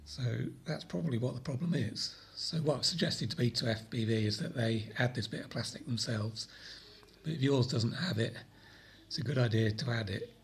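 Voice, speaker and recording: A man with a croaky voice from a cold, casually explaining a fix in a hobby vlog, rambling with frequent ums and repeated words. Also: mid-range voice, moderate pace, a little hiss or hum. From Britain. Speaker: drone hobby channel host.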